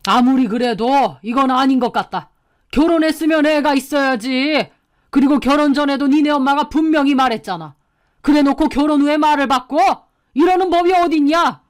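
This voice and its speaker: A man's voice: extremely high pitch, normal speed, pitched above the performer's own voice. A voice actor playing a stern older father-in-law who scolds with rising force. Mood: reproachful.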